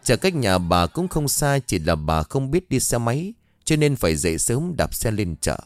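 A male storyteller reads a scripted horror story with lively, swinging intonation. His voice sits mid-range and close to the mic in a dry, dead sound. Faint music plays quietly underneath. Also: medium pitch, moderate pace, dry recording. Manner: expressive, dramatic telling.

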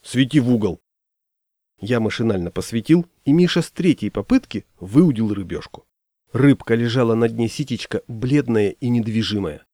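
A man narrating a first-person story aloud in a wry, deadpan way. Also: mid-range voice, moderate pace, no room sound, clean studio sound. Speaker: audiobook reader.

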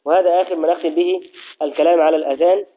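A man teaching a religious lesson, explaining step by step, reciting formulas slowly and often checking that his students follow. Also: on the high side, steady tone. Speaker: Islamic jurisprudence teacher. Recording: tinny phone-like audio.

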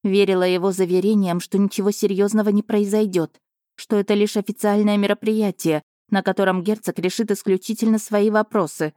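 A woman narrating a first-person romance novel in a measured storytelling manner. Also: medium pitch, flat delivery, mellow, no room sound, studio quality. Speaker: audiobook narrator.

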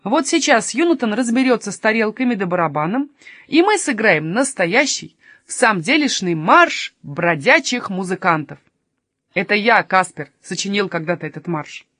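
A woman's voice: mid-range voice, very animated, moderate pace, fairly bright tone, dry recording, clean studio sound. A woman voicing a boastful, good-natured male robber who plays music, in a children's storybook reading. She speaks with a proud, hearty manner.

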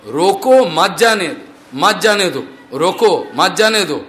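A man voicing a flustered rich merchant who stammers and shouts in broken Hindi. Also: sits high, big pitch swings, measured pace, heavily acted.

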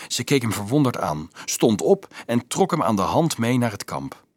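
A man reading a novel aloud as an audiobook narrator, expressive and shifting his voice for the characters. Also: mid-range voice, moderate pace, no room sound, clean studio sound.

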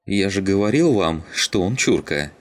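A brash young skinhead who yells threats and insults, as a man puts him on. His voice rides high and loud over the reader's naturally very deep tone, rough and combative. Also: animated, moderate pace. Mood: angry. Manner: yelling, threatening, crude.

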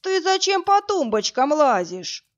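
A woman voicing a burly, crude male thug who barks orders and mocks, in a rough, coarse, threatening manner. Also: medium pitch, moderate pace, natural voice. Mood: gruff. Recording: dull lo-fi audiobook, faint music.

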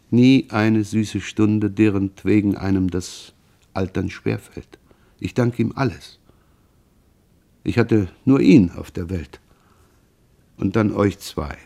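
Reading the part of a grieving, frightened mother in an audiobook, a man speaks slowly in a mournful, confessional way. His voice sits on the low side and sounds warm.

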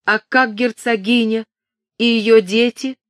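A woman's voice: fairly high pitch, fairly even intonation, takes it slowly, no room sound, studio quality, voice pushed up. A woman voicing a frightened but determined young noblewoman crying out urgently. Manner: urgent cries, one hushed prayer.

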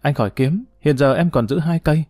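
A man voicing a tender, playful young woman in an audiobook romance, speaking softly and teasingly. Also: fairly high pitch, brisk, no echo, clean studio sound, natural voice.

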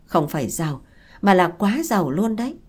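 A woman voicing a brisk, persuasive middle-aged woman arranging a paid marriage. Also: fairly low pitch, very animated, darkish tone, husky.

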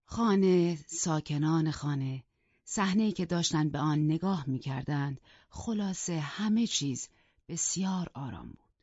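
Low, husky woman narrating an audiobook. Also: expressive, darkish tone, no echo. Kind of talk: scripted first-person audiobook narration. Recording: dull, dry lo-fi studio audio.

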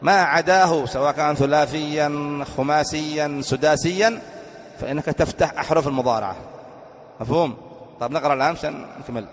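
A man's voice: on the high side, brisk. A man from Yemen giving an Arabic grammar lesson, quizzing his students and repeating key words as he teaches. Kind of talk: classroom lecture with questions to students. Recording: long reverberant hall.

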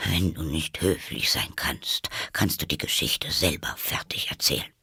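A man voicing a sleepy little dormouse in a storybook, drawling slowly and grumbling when interrupted. The voice is low and gravelly, with husky, drowsy breath. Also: very animated, fairly bright tone, no echo, studio quality, exaggerated voice.

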